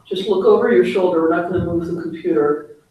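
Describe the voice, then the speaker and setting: A woman's voice: on the low side, quick pace, muffled recording. Woman facilitator in a roomy hall. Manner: gentle, instructive, laughs often. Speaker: workshop facilitator. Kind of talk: guiding a group exercise. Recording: roomy echo, distant mic, faint hiss.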